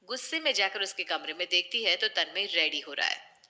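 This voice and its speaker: A woman narrating a family story in a steady, matter-of-fact way. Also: on the low side, fairly quick.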